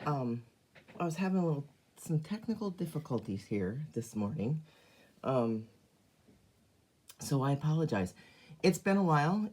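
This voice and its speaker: Running a casual live craft stream, this card-making demonstrator speaks in a warm, hoarse, very deep voice. She chats freely, fills pauses with plenty of ums, and welcomes viewers by name.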